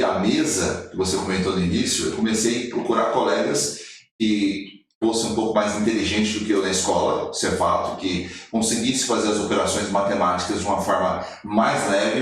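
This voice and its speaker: A man in his forties with a somewhat low voice tells his life story as a guest on a podcast. He is an animated storyteller who acts out the lines he quotes. The room is very echoey and he sits a little back from the mic. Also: distant mic. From Brazil. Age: 40s. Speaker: podcast guest, motivational speaker.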